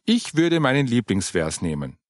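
A man's voice: medium pitch, sing-song, normal speed, dry recording, studio quality, natural voice. A man reading the lines of an eager young woman in a storybook discussion group.

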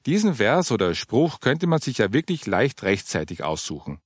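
A man's voice: medium pitch, big pitch swings, moderate pace, husky, dry recording, studio quality. A man reading the lines of an eager young woman in a storybook discussion group.

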